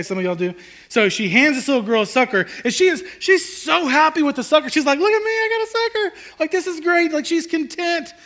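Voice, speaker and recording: Bright-voiced pastor preaching. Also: male voice, high-pitched. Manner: conversational, animated, swings from loud to hushed. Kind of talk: sermon. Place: church hall with congregation.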